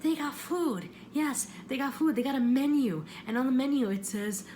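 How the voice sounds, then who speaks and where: Giving audition tips, this woman vlogger rambles casually, interrupting herself and repeating phrases to stress them. She sits high in pitch with lively intonation and a dark tone, at a normal speed, over a slight hiss or hum.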